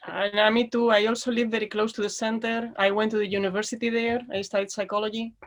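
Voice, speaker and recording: A woman from Spain, a guest on a video-call chat, relaxed and quick to laugh, with a slight cough. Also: medium pitch. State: slight cough, clearing throat. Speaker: guest, knitwear designer.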